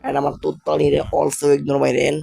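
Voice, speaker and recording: A young man, still a school student, commenting casually on his Minecraft build in a halting, stammering way, speaking slowly on purpose. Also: on the high side, monotone, gravelly, warm tone, breathy edge. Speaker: gaming channel host.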